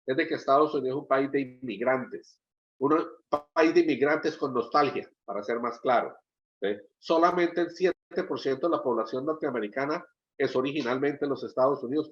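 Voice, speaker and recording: Middle-aged man presenting a webinar. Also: mid-range voice. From Colombia. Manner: explanatory, keeps checking with "¿sí?"; repeats words while searching for them. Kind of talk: export training webinar. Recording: dull lo-fi webinar audio.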